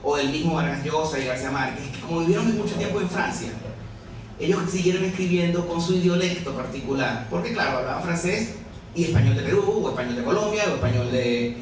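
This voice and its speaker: His voice sits on the high side with lively intonation and a brisk pace as the forties-aged Venezuelan novelist presents his book. He jokes at his own expense and laughs a lot; the café audio is echoey, distant-miked, full of chatter, with slight hiss or hum.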